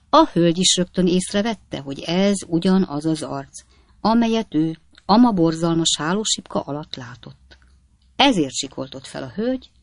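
Man narrator, gravelly, dry close mic, measured audiobook reading. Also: fairly high pitch, no room sound. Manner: measured storytelling. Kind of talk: scripted narration.

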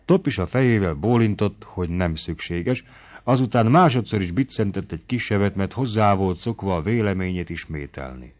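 Low-voiced man reading a classic story. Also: expressive, a little mellow. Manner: measured, storytelling. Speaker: narrator. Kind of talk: audiobook reading of classic prose. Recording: dull lo-fi recording.

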